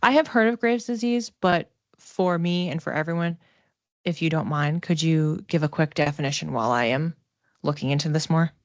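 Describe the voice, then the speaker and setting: A woman with a low voice gives a casual live psychic reading, talking conversationally and tentatively as she thinks aloud and pauses to explain. The audio is dull with no echo.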